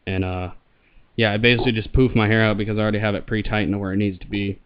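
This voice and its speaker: A man with a fairly low voice speaks through a gas mask. He reviews it casually, and the recording is somewhat dull. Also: level tone, very fast, smooth.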